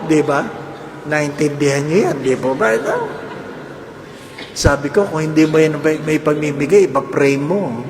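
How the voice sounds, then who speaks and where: Male priest, humorous homily, fairly high and very expressive voice, constant call-outs to the congregation; long church reverb. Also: moderate pace, pauses often, noisy background. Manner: animated, jokes, keeps asking the congregation "di ba?". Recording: echoey church hall with faint ambience.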